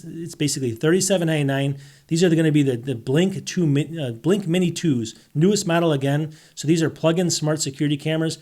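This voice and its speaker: Male tech-deals host, rapid and rambling, slightly raised pitch, voice wearing thin. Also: darkish tone. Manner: rambling, self-interrupting, asks rhetorical questions. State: losing his voice. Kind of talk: casual tech deals walkthrough.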